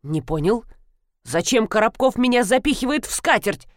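A woman's voice: a little high, very animated, moderate pace, no echo, studio quality. A woman reading an audiobook, voicing an ironic young male detective who jokes a lot. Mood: puzzled, ironic. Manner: ironic, joking.

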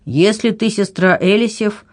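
A reader voicing a stern, slow-witted Viking jarl who talks bluntly and deliberately. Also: mid-range voice, pitched above the performer's own voice, close to an everyday voice. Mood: questioning.

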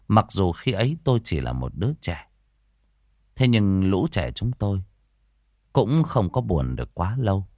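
A man narrating a first-person horror story in an expressive, dramatic way. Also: lowish voice, no room sound, studio quality.

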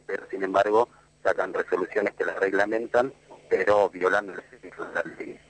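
Un hombre con acento argentino habla desde el teléfono en un tren, con la señal que se corta a ratos, explicando con seriedad y muchas pausas con "eh". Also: male voice, deep voice. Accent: Argentine Spanish. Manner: earnest, measured, many "eh" fillers. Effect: phone call from a moving train, signal cutting out. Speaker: guest caller. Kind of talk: phone interview commentary. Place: on a train. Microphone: phone.

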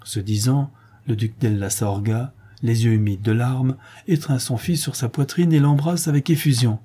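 Man reading a novel out loud, dark husky voice, steady expressive pace. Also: mid-range voice, moderate pace. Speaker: audiobook reader. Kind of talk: novel narration.

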